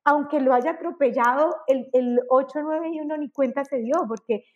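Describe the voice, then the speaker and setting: A woman explaining personality types in a conversational interview, animated and acting out examples. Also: sits high, normal speed, highs cut off. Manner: animated, acts out examples with exclamations. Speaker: enneagram guest expert.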